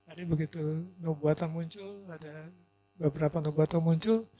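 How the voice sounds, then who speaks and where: A man preaching a sermon, swinging from loud emphasis to hushed asides. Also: on the high side, steady tone, normal speed. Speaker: pastor.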